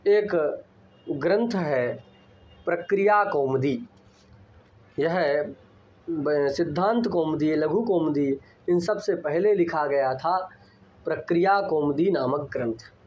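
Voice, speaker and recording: Slow, deliberate male grammar lecturer. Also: a little high, muffled recording. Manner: slow, deliberate, repeats key terms for students. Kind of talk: explanatory classroom lecture.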